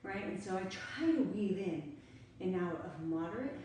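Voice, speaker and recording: A middle-aged fitness instructor with an expressive, mellow, medium-pitched voice gives casual workout instruction at normal speed while exercising at home in a room near the stairs. She is chatty and short of breath between bursts. The room is echoey, the camera far off, with a little hiss or hum.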